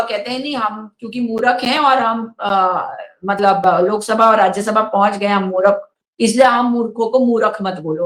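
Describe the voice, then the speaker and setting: Woman ranting hard in an interview, kinda high voice, lots of uh pauses, echoey room. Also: fairly bright tone. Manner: impassioned, scolding, with pauses and fillers. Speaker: guest. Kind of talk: heated political interview.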